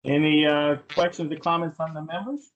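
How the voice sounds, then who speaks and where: A man chairing a council budget session, brisk and formal. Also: fairly high pitch, fairly even intonation, a bit bright, lo-fi sound. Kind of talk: chairing a meeting.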